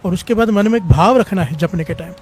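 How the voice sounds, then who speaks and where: A man's voice: high-pitched, fast talker, slight background noise. A man preaching a sermon, fervently leading the congregation in call-and-response chants. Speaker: preacher at a devotional gathering.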